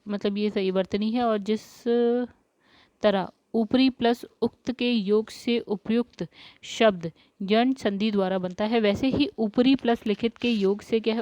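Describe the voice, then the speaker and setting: A woman's voice: medium pitch, a little mellow, no echo. Woman tutor, patient step-by-step spelling walkthrough, dry dull lo-fi sound. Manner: explains step by step, repeats words, says "guys" often. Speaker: Hindi exam tutor.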